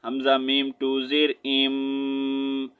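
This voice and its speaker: Man slowly spelling out Quran syllables. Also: medium pitch, monotone, smooth, narrow, tinny audio. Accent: Pakistani Urdu. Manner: spells syllables slowly, then recites in a drawn-out melodic chant. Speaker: Quran recitation teacher. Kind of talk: spelling out and reciting a Quran lesson.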